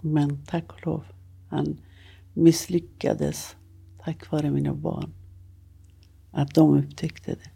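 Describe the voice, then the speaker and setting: Hushed gravelly woman giving painful testimony. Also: deep voice, little pitch movement. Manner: halting, slow, pained and hushed. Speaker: interviewee recounting abuse. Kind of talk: emotional personal testimony.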